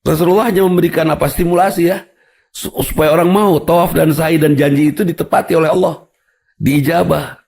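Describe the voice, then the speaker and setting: A man's voice: on the high side, steady tone, brisk, gravelly, darkish tone, breathy edge. A man with a Sundanese accent preaching a sermon, telling humorous stories. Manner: humorous, storytelling, mixing in local words. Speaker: Islamic preacher.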